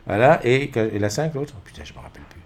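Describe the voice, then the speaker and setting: A man's voice: fairly low pitch, expressive, a little fast, gravelly. A middle-aged man hosting a casual morning live stream from home, rambling with many fillers and greeting viewers by name at a desk mic. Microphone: desk mic with webcams.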